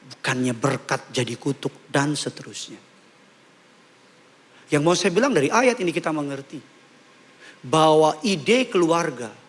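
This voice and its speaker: Male pastor, sermon, humorous, conversational, slightly high pitch. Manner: humorous, conversational preaching with quick mimicry. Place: church service before a congregation.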